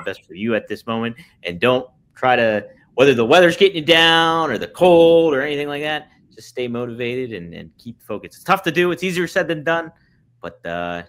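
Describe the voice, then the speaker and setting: A man in his late thirties co-hosting a podcast, chatting casually with an upbeat, encouraging manner. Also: mid-range voice. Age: 30s. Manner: upbeat, encouraging, lively intonation. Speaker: podcast co-host. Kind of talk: casual chat.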